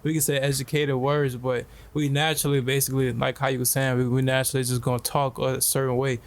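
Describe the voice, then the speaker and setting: A man's voice: medium pitch, little pitch movement, quick pace. A man co-hosting a casual chat, circling back and repeating himself as he explains. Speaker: podcast co-host.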